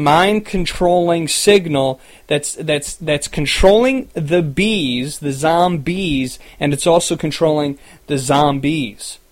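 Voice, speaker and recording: Frazzled post-apocalyptic radio host, played by a man, rambling and flustered, a bit high-voiced. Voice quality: rambling, flustered, stumbling over words. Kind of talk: comedic audio drama.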